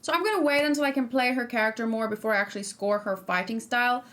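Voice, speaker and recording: A young woman reacts live to a game character on her stream, chatting casually, reading viewer comments aloud and rambling with frequent fillers. She speaks quickly in a fairly high, fairly bright voice.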